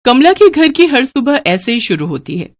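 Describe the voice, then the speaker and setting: A woman reading scripted narration for a cartoon moral story in a clear, expressive storyteller manner. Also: high voice, moderate pace, no echo, studio quality. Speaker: narrator and voice of female figures.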